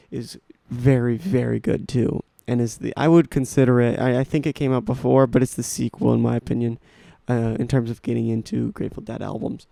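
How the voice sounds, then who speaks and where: A nineteen-year-old podcast host talks casually and enthusiastically on his own about music, rambling and restarting often. His medium-pitched voice is gravelly and dark, with no room sound.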